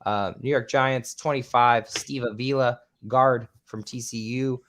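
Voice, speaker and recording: A man hosting a casual podcast, rattling off a list with filler ums and casual swearing, his voice a bit squeaky. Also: fairly even intonation, a little slow, a bit bright. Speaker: podcast host.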